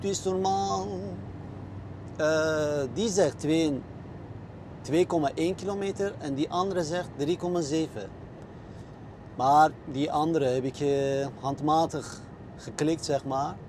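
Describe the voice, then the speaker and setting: A man's voice: on the high side, darkish tone, slight background noise. A man driving a truck, talking casually to his viewers while he figures out his route, with many hesitations and fillers. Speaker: truck driver vlogger. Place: truck cab.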